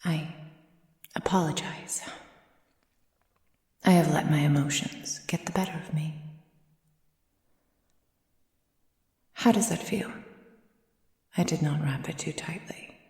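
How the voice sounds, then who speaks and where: Here the vampire mistress, voiced by a woman, has softened, though her darkish, very low voice stays possessive and condescending. Her intonation is fairly even and her delivery silky, formal and unhurried, frequently sinking into breathy whispers for this intimate ASMR roleplay. Long reverb fills the echoey room.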